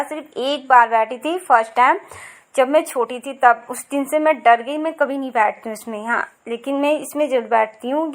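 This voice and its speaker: A woman's voice: high-pitched, a bit bright. A woman in her thirties chatting casually as she narrates her vlog, rambling and repeating herself with many fillers. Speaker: vlogger.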